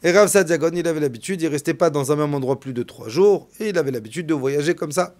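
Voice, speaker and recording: A man, a rabbi, delivering a storytelling sermon, swinging from hushed to loud. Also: fairly high pitch, fast.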